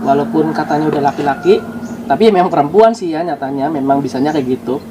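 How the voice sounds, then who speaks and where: Man vlogging with a slightly high voice. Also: fast, noisy background. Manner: defensive, explaining himself to viewers. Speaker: YouTuber. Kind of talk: casual vlog monologue.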